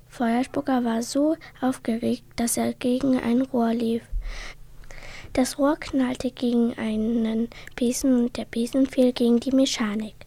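A woman's voice: on the high side, vocal fry, mellow, no echo. Woman whispering a bedtime story. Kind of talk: children's bedtime story reading.

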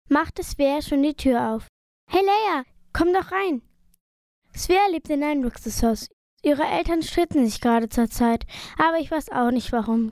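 A woman's voice: high-pitched, darkish tone, no echo, clean studio sound. A woman reading a first-person story aloud in a plain, uneven reading voice. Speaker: narrator.

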